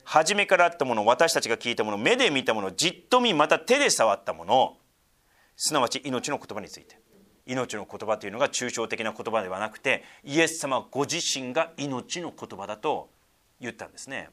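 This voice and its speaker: A man's voice: mid-range voice, lively intonation, fairly quick, fairly bright tone. A man preaching a sermon in a conversational way, explaining scripture with casual asides and fillers. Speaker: pastor.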